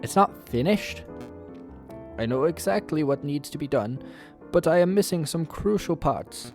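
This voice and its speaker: A man's voice: lively intonation, unhurried, darkish tone, soft background music. A man voicing an eccentric, scheming male inventor in a put-on German accent, raised and theatrical. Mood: pleading. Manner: theatrical, higher than his own voice. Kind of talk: reading game dialogue aloud.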